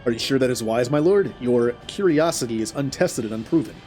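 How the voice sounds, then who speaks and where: A man's voice: medium pitch, expressive, brisk, darkish tone, soft background music, lightly acted. A man voicing proud, grandiose fantasy game characters, reading in a formal, declamatory way.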